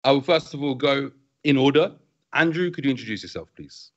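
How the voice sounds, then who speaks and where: A man in his thirties hosts an online AMA, friendly and relaxed as he moves between guests. His voice sits at a middling pitch. The video call audio sounds dull and lo-fi. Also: fairly quick. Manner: friendly, relaxed moderator, reading questions. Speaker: host and company CEO. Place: indoor room with a virtual space background.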